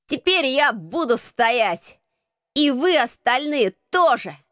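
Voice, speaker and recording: A woman reading an audiobook, voicing a bossy crippled street boy who leads a gang and barks gruff commands. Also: high-pitched, lively intonation, takes it slowly, a bit bright, dry recording, clean studio sound, pitched above the performer's own voice, full character voice. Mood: commanding. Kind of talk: audiobook character voice.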